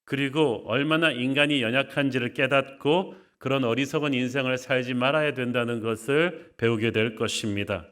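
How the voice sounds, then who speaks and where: A man's voice: medium pitch, moderate pace, hardly any pauses, a bit bright, smooth. A male pastor preaching an earnest, conversational sermon with rhetorical questions to his congregation. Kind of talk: expository sermon.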